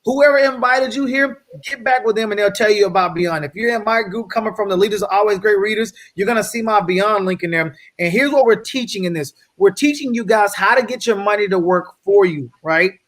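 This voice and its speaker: A man giving an energetic slide presentation as a guest speaker on a video call, often checking in with his audience. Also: sits high, brisk, hardly any pauses. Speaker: guest speaker on wealth building.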